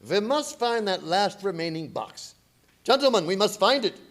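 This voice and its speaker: Guy doing a bossy professor hunting vampires in a radio play, high voice, super animated, emphatic pauses. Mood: fierce resolve. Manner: emphatic, commanding, dramatic pauses. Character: urgent, authoritative professor leading vampire hunters. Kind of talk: radio drama acting.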